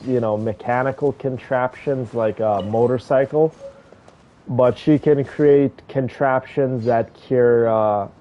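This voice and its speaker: His voice mid-range and steady, this game streamer talks slowly yet warmly and effusively to his viewers in a casual way. A little hiss or hum sits in the dull, band-limited stream audio, along with background music.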